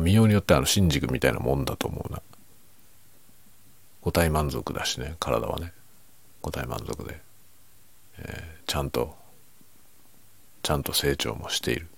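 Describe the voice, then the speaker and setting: Very deep, gravelly, quiet-talking man. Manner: quiet, low-key late-night talking. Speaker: writer chatting as host. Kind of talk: casual late-night solo chat.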